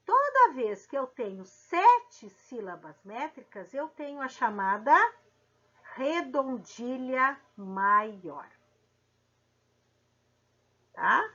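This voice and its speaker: A woman teaching a literature lesson, spelling out poetic syllables slowly and checking in with the class. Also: sits high, fairly bright tone, dull audio. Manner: slow, drawn-out syllable counting with frequent "tá?".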